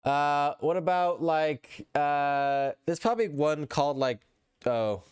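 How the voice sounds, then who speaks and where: A man's voice: on the high side, slow pace, clean tone. A man streaming live, chatting casually with his chat in a rambling way and reading posts aloud.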